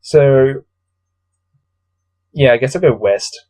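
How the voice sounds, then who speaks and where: A man with a cold coming on reads a gamebook aloud by himself, tossing in weary, grumbling, exasperated commentary off the cuff. His voice is medium in pitch, slow, and a little mellow.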